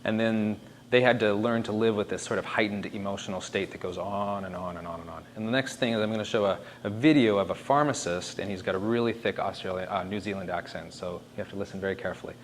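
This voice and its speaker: A man's voice: on the low side, fast. A man giving an informal presentation, conversational and emphatic as he thinks aloud. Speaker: speaker presenting disaster planning. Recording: faint background noise.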